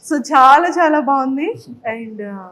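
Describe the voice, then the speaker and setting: A woman interviewer asking questions in a lively way and praising her guest freely. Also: sits high, slow pace. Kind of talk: casual interview talk.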